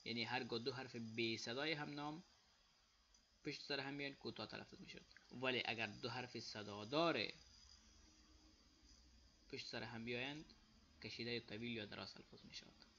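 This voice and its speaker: A man with an Afghan Dari accent giving a casual spoken lesson, saying example words slowly and loudly, then explaining them quietly. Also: medium pitch, muffled recording, slight background noise. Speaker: language teacher.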